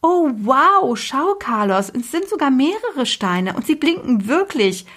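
A woman voicing an excited, quick-witted young girl in a read-aloud children's story, with eager exclamations. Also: mid-range voice, creaky, breathy edge, full character voice.

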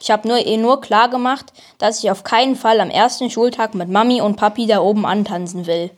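A woman's voice: medium pitch, a little fast, lightly acted. A woman voicing a stubborn boy who wants to be a monster hunter, grumpy and panting.

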